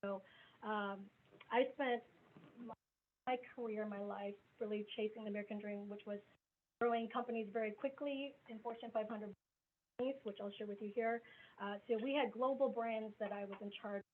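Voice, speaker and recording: A woman in her forties who grew up in the US Midwest introduces herself as a business coach on a video call, candid and conversational. Her medium-pitched voice is brisk with fairly even intonation, coming through a tinny, phone-like line with faint noise.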